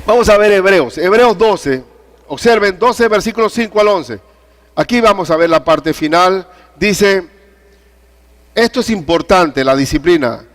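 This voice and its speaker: A man's voice: sits high, lively intonation, measured pace. An older man, a pastor and grandfather, preaching a sermon with personal stories and questions put to the congregation.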